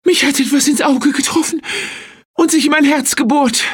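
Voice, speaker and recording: A woman's voice: high-pitched, normal speed, voice pushed up, natural voice. A woman voicing a cold-hearted, cruel young boy in a storybook reading, with a scornful manner. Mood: pained. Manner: scornful, shouting insults.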